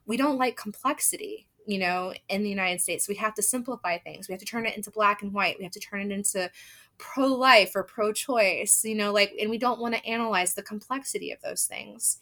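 Earnest woman guest with a bright, edged voice; rapid, filler-heavy chat. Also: medium pitch. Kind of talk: casual political discussion.

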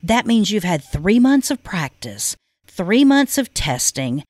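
A woman's voice: medium pitch, very animated, slow pace, a little mellow, no echo. Blunt, emphatic woman podcast host. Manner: direct, emphatic, pushes listeners with repeated points. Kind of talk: solo podcast monologue.

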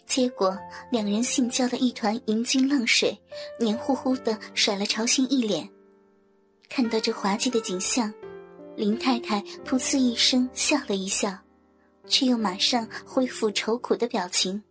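A woman narrating an audio story in a soft, even reading voice. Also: fairly high pitch, unhurried. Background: faint music.

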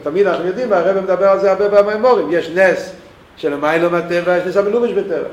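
Man, Torah teacher, high voice, roomy echo, halting restarts. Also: dull audio. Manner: thinks aloud with many restarts.

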